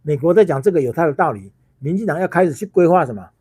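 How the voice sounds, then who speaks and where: A man's voice: on the high side, animated, very fast, dark tone, breathy edge. Heated man scolding in rhetorical questions. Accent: Taiwanese Mandarin. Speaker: political commentator. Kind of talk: livestream political commentary.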